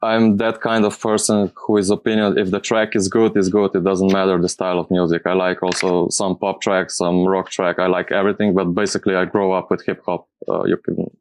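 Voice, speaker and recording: A man who speaks English as a second language, giving casual interview answers and searching for his words in a halting way. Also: low voice, flat delivery, smooth, no echo. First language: not English. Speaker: music producer being interviewed.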